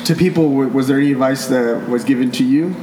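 Guy hosting a casual interview, normal pitch, echoey room, bg noise. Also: quick pace. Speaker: podcast interviewer.

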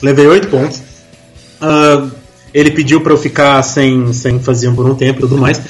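A man's voice: mid-range voice, moderate pace, faint music behind. A man on a voice call, telling a long story to friends in casual chat with lots of slang and acted-out lines. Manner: animated, slangy, acts out other people's lines. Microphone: headset or desk mic on a voice call.

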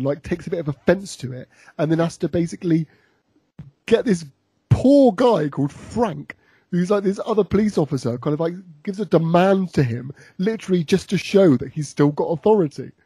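A man's voice: high-pitched, lively intonation, brisk, mellow, husky, no room sound. A man chatting casually as a podcast co-host, recapping an episode with a rambling, laughing delivery. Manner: rambling, many restarts and laughs. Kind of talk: casual chat.

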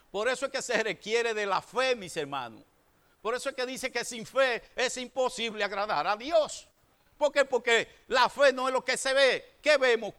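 A man in his sixties preaching a sermon to his congregation, swinging between emphatic raised bursts and quiet asides. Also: very high-pitched, clear, resonant tone. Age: 60s. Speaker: pastor.

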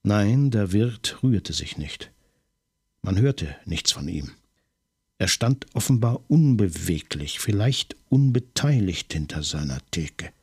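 A man narrating a crime audiobook in a measured, tense storytelling manner. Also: fairly low pitch, sing-song, darkish tone, breathy edge, no room sound, studio quality.

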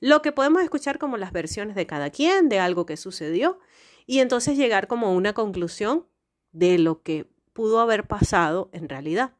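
A woman's voice: medium pitch, expressive, moderate pace. A woman hosting a podcast, talking through life advice in a conversational monologue, explaining with rhetorical questions and examples. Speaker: podcast host.

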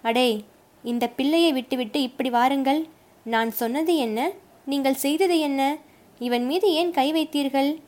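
A woman's voice: fairly high pitch, moderate pace, close to an everyday voice. Woman voicing a stern fort commander. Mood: angry. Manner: authoritative, scolding underlings, gentle to the youth. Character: stern older male fort commander, commanding yet calm.

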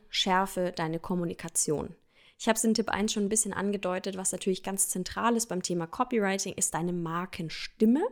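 An encouraging woman talks straight to her listener, coaching them through business tips in a solo episode. Her pitch sits in a middle range, and she keeps her manner direct and warm-hearted. She freely mixes English marketing terms into her speech. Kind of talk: solo tips podcast on copywriting.

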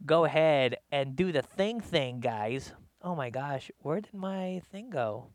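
A male comedian hosting a live show, rambling in a slangy, animated rant from his studio. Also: a little high, slow pace, dry recording. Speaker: comedian host. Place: home studio.

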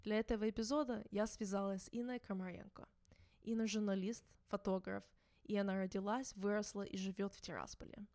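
A woman who grew up in the United States, narrating her podcast in a calm, measured storytelling manner. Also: mid-range voice, dry recording, studio quality. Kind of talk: scripted narration.

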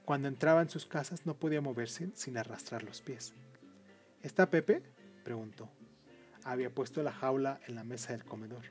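Man narrating a literary story, measured read, soft music behind. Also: medium pitch, fairly even intonation.

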